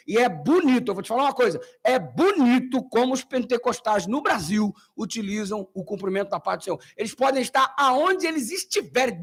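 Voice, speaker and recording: Brazilian pastor guy preaching, high husky voice, acts out every voice in his stories. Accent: Brazilian Portuguese. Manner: animated storytelling, acting out the voices in his stories, slangy. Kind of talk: sermon.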